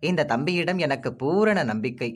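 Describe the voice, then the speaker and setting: A man voicing a kindly, protective old village grandfather with a gentle, fatherly manner in a storybook reading. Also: a little high, expressive, normal speed.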